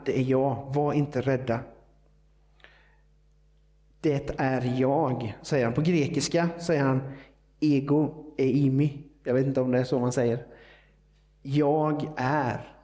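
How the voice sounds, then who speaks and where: A man's voice: mid-range voice, a little mellow. A man preaching a sermon in a conversational, explanatory way, with fillers and small asides.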